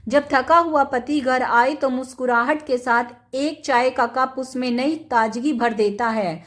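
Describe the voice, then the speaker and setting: A woman voicing a gentle husband who calmly reasons with his wife in a storybook reading. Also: high voice, unhurried. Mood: earnest. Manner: calm, reasoning.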